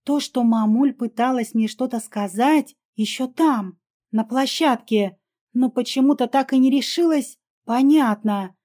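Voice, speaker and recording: A woman reading a first-person audiobook, telling the story in a lively, expressive way. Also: a little high, a little slow. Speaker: audiobook narrator.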